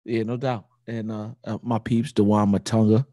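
A man co-hosting a podcast in casual chat, relaxed and slangy, often dropping "you know what I'm saying.". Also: on the low side, normal speed, no room sound, studio quality. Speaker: podcast co-host.

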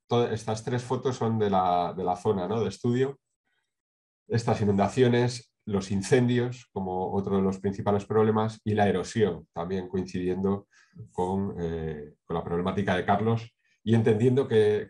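A middle-aged man from Spain presenting a project over a video call, speaking in a measured way with many hesitations and tag questions. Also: lowish voice, steady tone, dark tone. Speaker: sustainability consultant presenting a project. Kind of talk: online conference talk with slides. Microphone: webcam on a video call.

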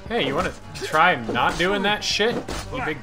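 A man giving casual gameplay commentary as a streamer, excitable and cursing at enemies while game music plays. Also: sits high, normal speed. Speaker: gaming streamer. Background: game audio and music.

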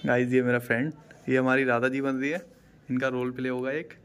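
A young man vlogs casually from a phone held at arm's length, his medium-pitched voice level, a little fast, fairly bright and smooth. Chatting with viewers at home and outdoors at a college camp, he keeps asking them "theek hai?"

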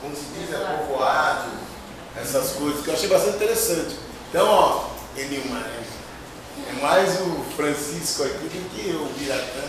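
A man's voice: a little high, normal speed. A man from São Paulo giving a loose, conversational talk as a guest lecturer in a large lecture hall. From São Paulo, Brazil. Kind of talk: lecture discussion. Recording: echoey hall, distant noisy mic.

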